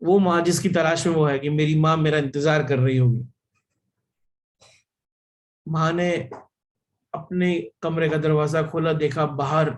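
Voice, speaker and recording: A man giving a spiritual discourse, telling a parable slowly and deliberately and repeating phrases for emphasis. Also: on the high side, rough recording. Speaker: spiritual teacher.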